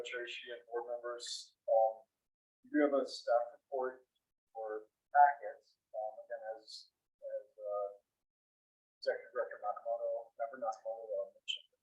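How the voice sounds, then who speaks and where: A man's voice: medium pitch, darkish tone, muffled recording. A man presenting a staff report at a board meeting, hesitant with many fillers, his audio cutting in and out in choppy dropouts. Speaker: staff planner. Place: meeting room. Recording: echoey room, distant mic, choppy dropouts.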